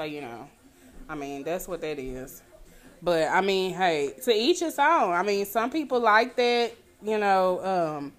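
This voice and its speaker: Blunt, profane woman telling stories. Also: mid-range voice. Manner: blunt, profane, laughing storyteller. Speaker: podcast co-host. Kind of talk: casual chat.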